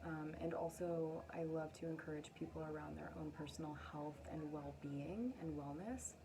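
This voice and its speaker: An astrologer and tarot reader hosts her channel, giving a casual, chatty card reading full of effusive affirmations and rambling asides. She speaks in a low voice at a moderate pace, with background noise present.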